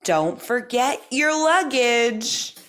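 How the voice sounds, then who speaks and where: A woman leading an articulation drill as a speech teacher, over-enunciating practice sentences in a careful, deliberate, encouraging manner. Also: a little high, expressive, a bit bright.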